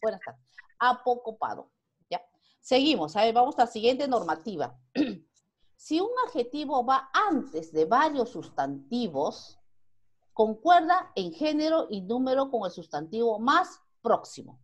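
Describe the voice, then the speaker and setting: A woman's voice: fairly high pitch, very animated, measured pace. A Peruvian woman teaching a primary school grammar lesson online, who asks the class questions and then answers them herself. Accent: Peruvian Spanish.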